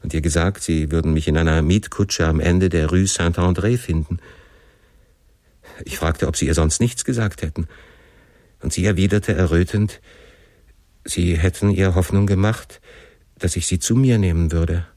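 A man with a deep, low voice narrates a classic novel in the first person, measured and expressive. The sound is dry and close, with no room around it. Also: dry recording. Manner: expressive, measured dramatic reading. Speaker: audiobook narrator.

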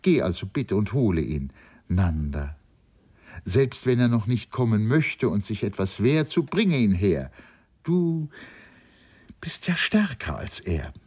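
A man's voice: fairly low pitch, big pitch swings, takes it slowly, a little mellow, husky, voice pushed up, full character voice. A man reading the lines of an anxious young wife who earnestly asks a friend to go and fetch her husband. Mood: pleading.

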